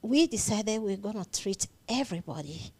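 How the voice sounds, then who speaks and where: This woman's voice is expressive and husky, medium in pitch, a little mellow, and moderately paced. She has a Nigerian accent and is a psychiatric nurse practitioner appearing as an interview guest, conversational yet earnest and emphatic, repeating phrases to underline them.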